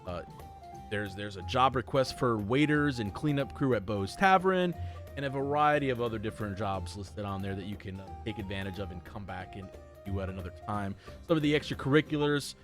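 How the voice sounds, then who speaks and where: A man's voice: fairly low pitch, lively intonation, fairly quick, soft background music. A man running a tabletop game as dungeon master, narrating in a loose, rambling way full of fillers.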